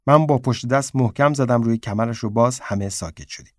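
A man reading a short story aloud in a subdued, low-key way. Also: no echo, studio quality. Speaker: narrator.

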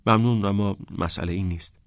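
A man's voice: on the low side, fairly even intonation, no echo, studio quality, lightly acted. A man doing a shy, stammering schoolboy. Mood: timid. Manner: hesitant, stammering, quiet. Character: shy, timid teenage schoolboy.

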